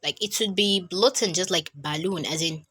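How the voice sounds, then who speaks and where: A woman's voice: fairly low pitch, normal speed, a bit bright, slightly rough. A woman teaching Quran recitation in an online lesson, patiently repeating each letter sound several times to demonstrate it.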